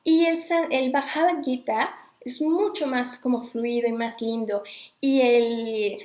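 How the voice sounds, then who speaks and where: A woman's voice: a little high, steady tone, slow pace, darkish tone, roomy sound. A woman talking casually to viewers, chatty and digressive, stopping to greet people as she goes. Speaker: host. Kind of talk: casual live talk on Sanskrit recitation.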